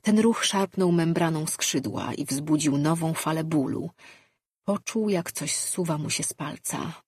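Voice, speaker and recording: A woman reading a fantasy audiobook as narrator, in steady, measured storytelling. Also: sits low, slightly rough, dry recording, clean studio sound. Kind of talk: scripted narration.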